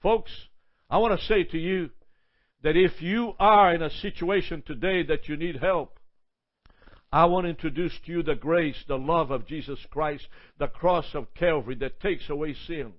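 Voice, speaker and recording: High-voiced preacher, dull lo-fi sound. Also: male voice, normal speed. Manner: emphatic preaching with lists and repeated phrases; stumbles and repeats words. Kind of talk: sermon.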